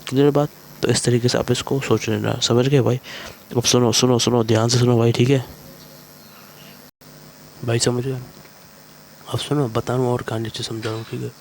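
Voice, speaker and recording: A man's voice: medium pitch, level tone, normal speed, vocal fry, pauses often, darkish tone, slight background noise. A man teaching chemistry in a casual exam-prep lecture, constantly checking in with "thik hai bhai" and coaxing students along.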